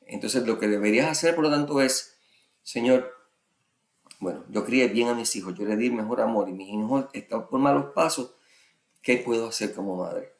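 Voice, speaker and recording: A man's voice: mid-range voice, moderate pace, echoey room. A man giving a sermon in a conversational way, often checking in with his listeners. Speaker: preacher.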